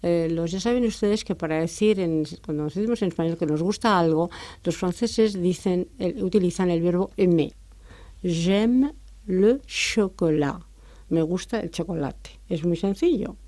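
A woman teaches, patient and didactic, drawing out each example word slowly so it can be copied. Her voice is mellow and soft. The sound is close and dry, as in a quiet studio. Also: lowish voice, dry recording. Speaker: French teacher. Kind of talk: explaining French pronunciation and grammar in Spanish.

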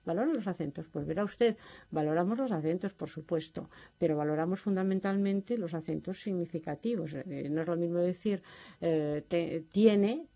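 A woman lectures on French grammar with patient, didactic care, addressing her students formally. Her voice is mellow and dark, with a gravelly edge. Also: fairly low pitch, moderate pace. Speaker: French teacher. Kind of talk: lecture to distance learners.

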